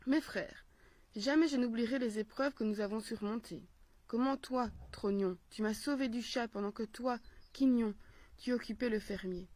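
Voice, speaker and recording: A woman's voice: fairly high pitch, normal speed, darkish tone, no echo, lightly acted. Woman reading as glib rat Crouton. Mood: smooth. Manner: persuasive, glib. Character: smooth-talking, scheming male rat. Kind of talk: storybook reading aloud.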